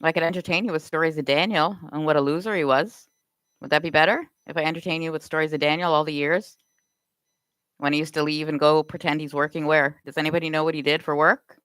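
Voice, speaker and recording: A woman's voice: low voice, fairly even intonation, fast talker, fairly bright tone, clear, resonant tone, no echo, rough recording. A Canadian woman live streaming, firing off accusatory rhetorical questions in a confrontational rant.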